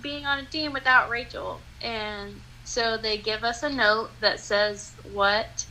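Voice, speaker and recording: A woman appearing as a podcast guest, telling a story with lively energy and laughing often as she goes. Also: a little high, takes it slowly, a little hiss or hum, poor audio. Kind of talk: animated storytelling.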